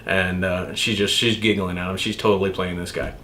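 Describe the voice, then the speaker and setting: Tattoo guy rambling on, swears a lot, lowish voice, laid back chat. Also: flat delivery, brisk, bright, forceful tone, slight background noise. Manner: rambling, profane, chatty. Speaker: tattoo artist. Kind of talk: casual storytelling monologue.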